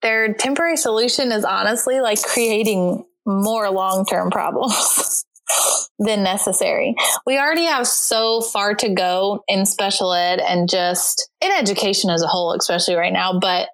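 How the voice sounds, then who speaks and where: A woman teacher talking shop in a relaxed conversation. She is animated, slips into acted-out reactions, and laughs often as she talks. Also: mid-range voice, moderate pace. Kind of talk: casual podcast discussion.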